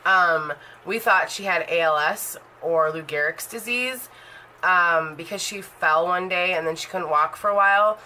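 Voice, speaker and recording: A woman's voice: on the low side, a little slow, bright, forceful tone, slight background noise, poor audio. A woman in her thirties talking casually in a vlog about her makeup collection, rambling and full of fillers. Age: 30s. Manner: rambling and chatty, heavy on fillers. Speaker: beauty vlogger.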